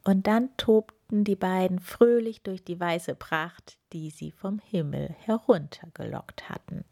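Brief: woman storyteller in a whispered role-play, slow and breathy, gentle with children. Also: lowish voice. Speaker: storyteller reading a picture book.

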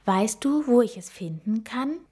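A woman voicing an excitable little gorilla girl in a storybook reading, with an eager, high, bright way of talking. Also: measured pace, breathy edge.

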